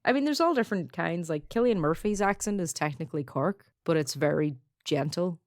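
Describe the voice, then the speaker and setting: A woman's voice: fairly low pitch, expressive, fairly quick, dry recording, clean studio sound. A woman with a Donegal Irish accent co-hosting a podcast, chatting casually, laughing often and leaning on "like" as a filler. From Donegal, Ireland. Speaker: podcast co-host. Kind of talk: casual chat.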